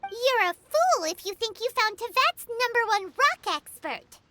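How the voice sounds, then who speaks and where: A woman voicing a tiny, excitable, cheeky fairy companion with a childlike squeaky voice in a video game. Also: unhurried, slight background noise, exaggerated voice. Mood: smug. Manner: refers to self in third person, exclamatory. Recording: music behind the voice.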